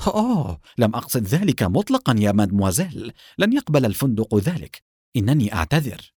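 A man's voice: mid-range voice, very animated, fairly quick, a little mellow, no echo, clean studio sound. Field: a man doing a polite, apologetic hotel clerk. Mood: flustered.

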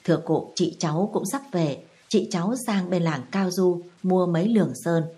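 A woman's voice: fairly low pitch, normal speed, mellow, natural voice. A woman voicing a young male schoolteacher who speaks with deferential, very formal politeness.

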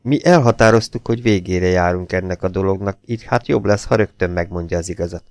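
A man reading an audiobook, voicing a young nobleman who questions his servant loudly and demands answers. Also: deep voice, no room sound. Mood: demanding. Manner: loud, demanding, angry. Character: commanding young male baronet, impatient.

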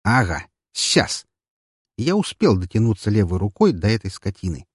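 A man reading a first-person story aloud in an expressive, wry audiobook narration. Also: lowish voice, quick pace, breathy edge, no echo, studio quality.

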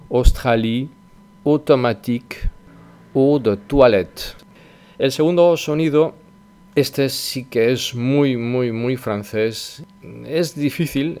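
A man from gives a French pronunciation lesson in a low, clear, resonant voice. He explains patiently and repeats each sound slowly. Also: a little mellow. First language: Spanish. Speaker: French teacher.

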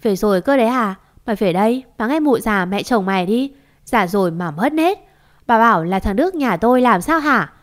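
A woman voicing a brash, foul-mouthed middle-aged neighbor woman who shouts insults in a storybook. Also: medium pitch, lively intonation, brisk, close to an everyday voice. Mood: angry.

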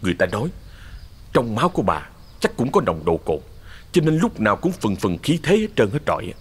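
Brief: male ghost-story narrator, husky, animated delivery. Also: on the low side, a little fast. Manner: expressive storyteller.

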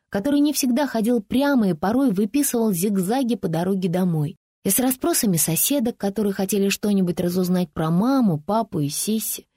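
Expressive woman narrating a novel. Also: mid-range voice, husky, no echo, clean studio sound. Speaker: audiobook narrator.

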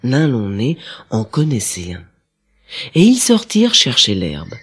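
A man narrating a children's story in an expressive storytelling manner. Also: medium pitch, a little slow, husky.

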